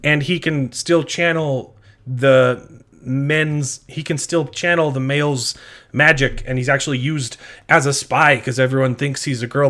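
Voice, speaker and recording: A man's voice: medium pitch, bright, forceful tone. A man vlogging an opinionated fan rant, sounding exasperated and emphatic and wandering off on digressions.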